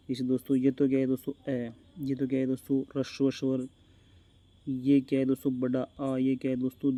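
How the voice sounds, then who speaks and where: Male grammar tutor, monotone and deep-toned, keeps repeating himself and drawing out vowels slowly. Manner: repetitive, keeps calling the class friends, asks and answers his own questions; stretches vowels slowly to demonstrate them. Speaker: teacher. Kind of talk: exam-prep grammar lesson.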